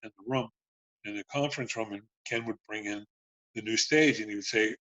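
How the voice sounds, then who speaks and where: Older man telling a lively story. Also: on the low side, a little fast, no room sound. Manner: animated storyteller who swears and acts out quotes in a raised voice. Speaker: talk show guest, former band promotions manager. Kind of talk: casual storytelling chat. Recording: dull lo-fi dry sound.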